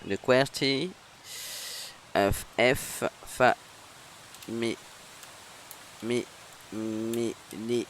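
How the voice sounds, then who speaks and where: A man's voice: medium pitch, very slow, long pauses, fairly bright tone, a little hiss or hum. A man with a northern French accent giving casual, chatty let's-play commentary, with frequent hesitations. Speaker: gaming streamer.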